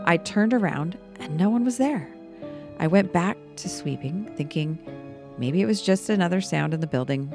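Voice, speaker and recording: A woman voicing a spooked male bartender, reading his ghost story aloud in a hushed, quiet spooky voice. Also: high voice, lively intonation, moderate pace, music in the background.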